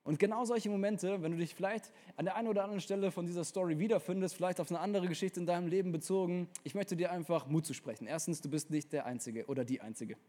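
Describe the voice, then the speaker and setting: Lively young preacher, high voice. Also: male voice, fast, hardly any pauses. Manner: energetic, colloquial, talks straight to the listener. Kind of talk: casual youth sermon.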